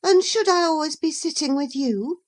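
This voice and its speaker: A woman reader voicing a petulant, irritable young woman who sounds high-pitched and demanding. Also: very animated, a little slow, a little mellow. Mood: peevish.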